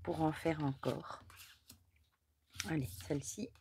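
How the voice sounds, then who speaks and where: A hoarse mother, chatting in a rambling way as she hosts an oracle card reading. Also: sits low, fairly even intonation, slow, dark tone, slight background noise. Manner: chatty and rambling, many fillers. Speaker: oracle card reader, channel host. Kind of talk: casual chat during a card reading.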